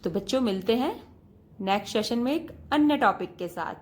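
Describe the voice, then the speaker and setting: A woman teacher delivers a classroom lesson to children with a slightly high voice. She speaks patiently, turns to her students again and again, and goes back over each point. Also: lively intonation, normal speed. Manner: patient, repeats points and addresses students directly.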